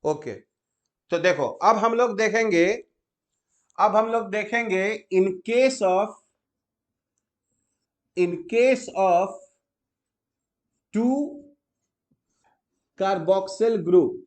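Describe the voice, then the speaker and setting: High-voiced man teaching chemistry. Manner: asks students frequent check questions; slows down to spell out names. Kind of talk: explaining step by step to students.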